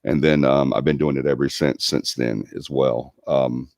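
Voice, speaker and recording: A man's voice: very deep voice, steady tone, moderate pace, vocal fry, a little mellow, no room sound, clean studio sound. A man, hosting a paranormal livestream and chatting casually with lots of ums and restarts. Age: 40s. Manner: rambling, with many ums and restarts. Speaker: paranormal show host reading live chat.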